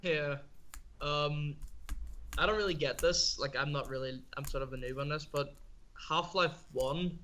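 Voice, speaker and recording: A man's voice: fairly high pitch, unhurried, bright, forceful tone, a little hiss or hum. Laid-back man co-hosting a podcast. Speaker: podcast co-host. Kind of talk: casual gaming chat.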